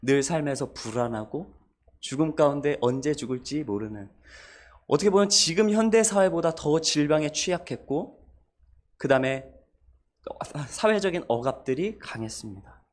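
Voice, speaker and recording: Lively Korean man preaching a sermon. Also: on the high side, normal speed. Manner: lively preaching, rises on repeated refrains; asks the congregation questions. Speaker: pastor.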